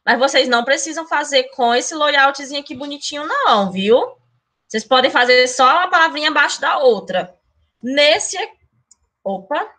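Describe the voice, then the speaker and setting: A woman teaching Spanish in an online class, calling herself "a tia" in a teacherly, chatty way, speeding up when she gets excited and recorded on a computer mic. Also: high-pitched, moderate pace.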